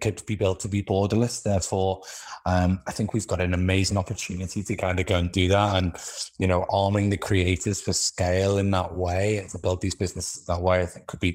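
Speaking as an interview guest, a man from Liverpool, England talks casually in a low voice with a darkish tone. His Liverpool accent comes through as he hesitantly feels his way through his thoughts.

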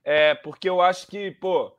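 A man's voice: sits high, steady tone, a little slow, fairly bright tone, no echo. A man with a Brazilian Portuguese accent comments on football in a casual, slangy, conversational way. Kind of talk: casual sports discussion.

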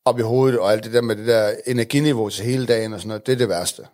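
A man's voice: fairly low pitch, fairly even intonation, a little mellow. A man in his thirties, a guest in a casual chat, telling candid stories with frequent laughter.

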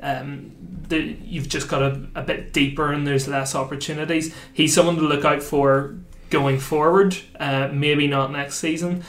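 A man's voice: fairly high pitch, steady tone, measured pace, hardly any pauses, fairly bright tone. Teasing podcast man in an echoey room. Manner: teasing, then rambling through opinions. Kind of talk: casual chat and analysis.

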